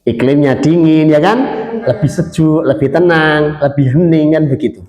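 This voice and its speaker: A man's voice: on the high side, steady tone, moderate pace, darkish tone, reverberant. A man lecturing a university class, mixing Arabic phrases into his Indonesian and quizzing his students.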